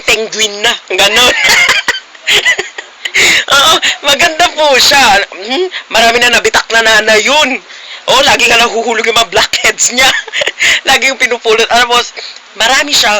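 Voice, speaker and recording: A man's voice: high-pitched, rough recording. A young man vlogging casually, teasing his friends playfully with frequent giggles. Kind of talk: casual vlog chat.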